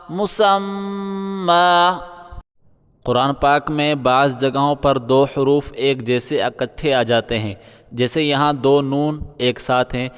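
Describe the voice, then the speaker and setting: A man teaching Quran reading with tajweed, spelling out syllables and chanting words slowly, then explaining the rules quickly. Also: fairly high pitch, fairly bright tone, smooth, long reverb tail.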